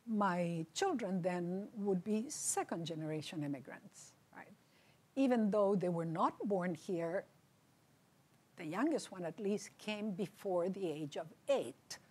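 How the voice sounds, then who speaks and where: An older woman from Chile, whose first language is Spanish, lectures in a lecture hall with a mellow, slightly husky voice. She keeps the academic talk conversational and often stops to check in with the room. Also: lowish voice. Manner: conversational, checks in with "right?" and "okay?". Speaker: lecturer on bilingualism. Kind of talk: academic presentation.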